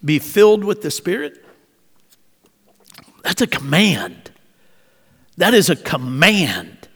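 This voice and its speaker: A man's voice: a little high, wildly swooping pitch, slow pace, a bit bright, husky. A male pastor from Oklahoma preaching a sermon, repeating key phrases emphatically and leading the congregation in saying them back. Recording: long church-hall reverb.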